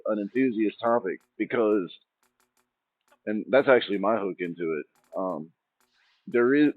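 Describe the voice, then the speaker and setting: A fairly low-pitched male channel host rambles informally, drifting around and starting his thoughts over partway through sentences. It's a dry recording that sounds tinny, like a phone, with faint music.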